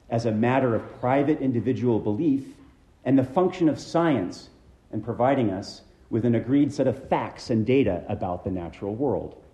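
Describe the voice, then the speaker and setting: A man preaching a measured, reflective sermon as a minister, his phrases trailing off low at the ends. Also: dark tone, roomy sound, dull audio.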